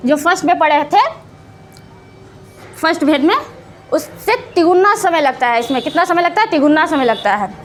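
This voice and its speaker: High-voiced woman teaching grammar. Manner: asks questions and answers them herself, repeating key terms; drawn-out sounds when showing vowel and consonant examples. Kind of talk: classroom lesson explaining to students.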